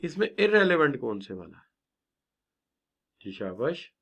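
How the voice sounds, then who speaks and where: A middle-aged male lecturer teaches at an unhurried pace. His pitch rises and falls widely as he stresses and stretches key words. He drops English terms into his lesson and praises students often. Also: big pitch swings, creaky, a bit bright, breathy edge, lo-fi sound. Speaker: business communication teacher. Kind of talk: classroom lecture.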